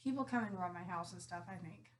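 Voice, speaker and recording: A woman's voice: lowish voice, quick pace, a little hiss or hum. A woman sharing personal testimony in casual conversation, speaking candidly and matter-of-factly about painful experiences. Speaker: guest sharing recovery testimony.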